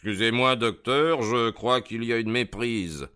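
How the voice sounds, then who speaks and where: A man voicing a sharp, decisive male detective in a read-aloud story, speaking in a measured, commanding way over faint music. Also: lowish voice, clear, resonant tone. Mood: dignified.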